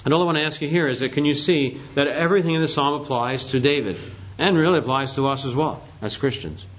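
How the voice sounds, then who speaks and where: A man leads a Bible study lesson in a mid-pitched voice, talking through the passages conversationally and turning questions to his listeners. The recording is muffled and lo-fi. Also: fast. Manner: conversational, asks the class questions. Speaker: Bible teacher. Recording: dull lo-fi recording.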